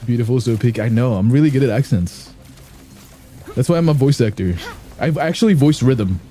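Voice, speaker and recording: A man's voice: medium pitch, moderate pace, warm tone, soft background music. A man streaming a game, chatting casually and joking, boasting about his accent skills. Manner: joking, rambling, self-boasting. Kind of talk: casual gameplay commentary.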